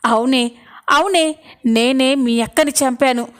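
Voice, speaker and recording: A greedy, scheming husband turns villain in this storybook retelling, harsh and threatening when he drops his act, read by a woman in her own voice. The voice sits high and light throughout. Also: slow, clean tone. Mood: menacing.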